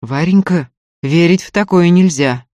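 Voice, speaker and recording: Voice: mid-range voice, unhurried, darkish tone, no room sound, close to an everyday voice. A reader doing an ardent young student. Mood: earnest. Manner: earnest, ardent, stammering apologies. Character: earnest young male student, impulsive, gallant. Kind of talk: audiobook character voice.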